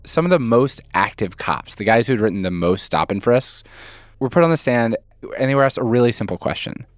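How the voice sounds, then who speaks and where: A man hosting and narrating a scripted documentary, telling the story in measured phrases with key words stressed. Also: mid-range voice, lively intonation, no room sound, clean studio sound. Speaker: narrator and host.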